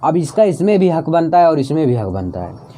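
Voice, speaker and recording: Talking a little fast in a warm, sing-song voice on the high side, a man explains maths as a tutorial at the board. He coaxes his students, repeats steps to make them stick, and asks rhetorical questions he then answers.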